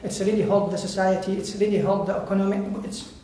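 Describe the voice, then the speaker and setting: Standing at a lectern in a bright indoor hall, a man from Iraq gives personal testimony to a seated audience as a volunteer guest speaker. His English is halting and non-native, with an Iraqi Arabic accent, and his high voice is level and dark. The hall echoes heavily, with faint background noise.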